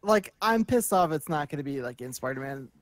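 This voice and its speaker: On a dry recording, a male panelist from a movie news talk show talks briskly in a slightly high, expressive voice. The chat is casual, and he works through his thoughts aloud with halting phrasing.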